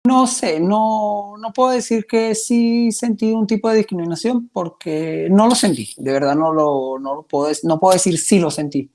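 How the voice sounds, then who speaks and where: A man's voice: high voice, moderate pace, few pauses, a little mellow. A man in his twenties from Venezuela with a Venezuelan accent, giving his faith testimony in a hesitant, earnest way with many restarts. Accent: Venezuelan Spanish. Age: 20s. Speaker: testimony guest.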